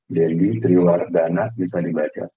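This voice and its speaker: An Indonesian lecturer with a very low, slightly husky voice talks students through his lesson in a loose, conversational manner. He comes through a video call with a dry, dull, lo-fi sound. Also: moderate pace, no echo. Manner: relaxed, conversational, frequent fillers. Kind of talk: online class lecture.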